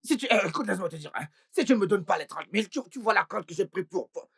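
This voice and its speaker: A woman dubbing a grovelling, scheming male house employee, with a raspy voice and stammering, wailing pleas. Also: medium pitch, lively intonation, quick pace. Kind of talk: French film dub.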